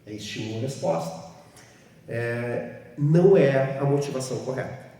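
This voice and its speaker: A man's voice: mid-range voice, animated, moderate pace, dark tone, far from the mic. A man with a southern Brazilian accent giving a training talk to teachers. He explains step by step, keeps adding tag questions, and acts out little scenes. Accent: southern Brazilian (Rio Grande do Sul). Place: large hall with a group of teachers. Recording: echoey hall, voice from afar.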